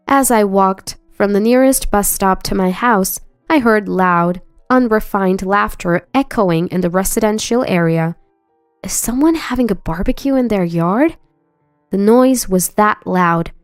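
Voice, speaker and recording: A woman tells a first-person story in an even, scripted narration. Her voice is smooth and clear at a middle pitch, recorded dry and close. Faint music plays behind her. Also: no echo.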